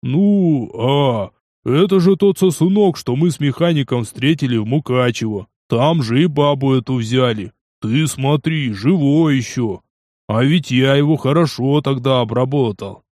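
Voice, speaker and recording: A man voicing a fat, brutish male gang thug in an audiobook, loud and jeering with a coarse manner. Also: mid-range voice, a little slow, no echo, studio quality, lightly acted. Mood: gloating. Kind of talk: audiobook character voice.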